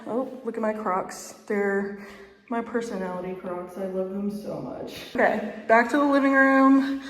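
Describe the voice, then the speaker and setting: A woman with a fairly high voice chats in a casual vlog style. She is bubbly, giggly and enthusiastic as she shows a space around. The sound bounces off the bare walls of an empty apartment, with strong echo and a long reverberant tail. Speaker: vlogger. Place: indoors, small empty unfurnished apartment.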